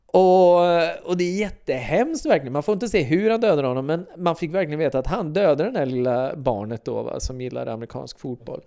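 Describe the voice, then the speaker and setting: A man hosting a casual film podcast, animated, acting out film lines with many fillers. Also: on the high side, gravelly, few pauses. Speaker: podcast host.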